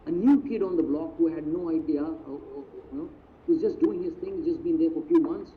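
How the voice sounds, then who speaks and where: Indian man, business mentor on a video call, lively storyteller, slightly high voice, tinny audio. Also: fairly quick. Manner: animated, mixes in Hindi phrases, acts out quotes. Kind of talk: live online talk, storytelling. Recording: tinny phone-like audio, faint noise.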